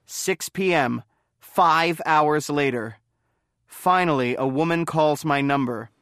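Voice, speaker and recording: A man narrating a first-person story in a plain, simple and clear way. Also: a little high, takes it slowly, a bit bright, no room sound.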